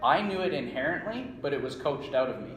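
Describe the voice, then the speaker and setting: Animated and a little fast, with a medium-pitched, somewhat bright voice, a Canadian-accented man from small-town Saskatchewan is interviewed about his work as a strength coach. He explains conversationally and checks in often with "right?" The indoor conference room sounds echoey, with faint background ambience.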